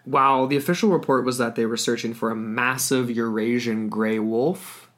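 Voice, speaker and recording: A man's voice: mid-range voice, moderate pace, fairly bright tone. A man co-hosting a podcast in casual chat, musing and meandering as he talks. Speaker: podcast co-host.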